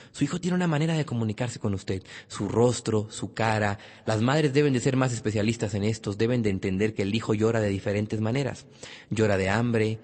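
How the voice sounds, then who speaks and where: A man's voice: on the low side, darkish tone, in a large hall. A man giving a motivational parenting talk, speaking emphatically and addressing parents directly. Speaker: parenting lecturer.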